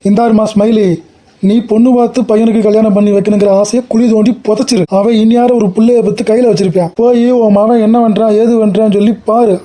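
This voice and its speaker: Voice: mid-range voice, little pitch movement, quick pace, dark tone, natural voice. A voice actor playing a hapless middle-aged male marriage broker in a cartoon comedy, grumbling and wisecracking.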